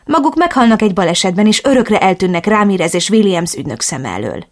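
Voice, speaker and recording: A woman voicing a brisk, reassuring adult man in an audiobook, blunt and ready to curse. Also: mid-range voice, big pitch swings. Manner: blunt, swears when angry. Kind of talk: audiobook dialogue reading.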